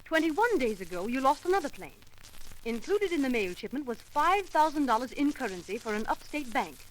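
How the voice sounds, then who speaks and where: An actress playing a cool, firm government investigator in a 1930s radio drama, formal and precise. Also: female voice, sits high, sing-song, fairly quick, poor audio. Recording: old 1930s radio recording, faint noise.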